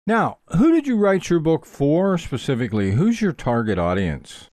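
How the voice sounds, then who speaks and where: A man hosting an interview, asking questions in a lively, upbeat way. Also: on the high side, normal speed, no room sound. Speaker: host. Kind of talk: radio-style interview.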